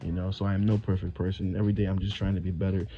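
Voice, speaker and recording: Young man, lowish mellow voice, earnest and preachy, dull lo-fi recording over faint music. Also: level tone, rapid-fire. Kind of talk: casual religious monologue.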